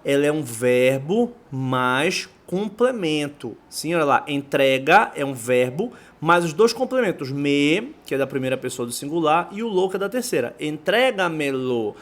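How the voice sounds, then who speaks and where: A man's voice: on the high side, lively intonation, moderate pace, few pauses. A man with a Brazilian Portuguese accent, a native Portuguese speaker, teaching a Spanish lesson, reading from a textbook and explaining it while switching between the two languages. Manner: mixes languages, reads aloud then explains.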